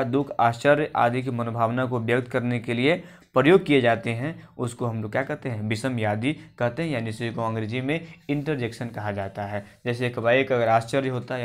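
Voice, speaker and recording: A male teacher with a medium-pitched voice gives a grammar lesson for exam preparation, explaining step by step and often posing a question before answering it himself. It was recorded in a coaching class.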